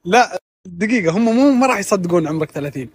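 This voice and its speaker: A man interviewing someone on the street in a teasing, lively way. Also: sits high, fast, slight background noise.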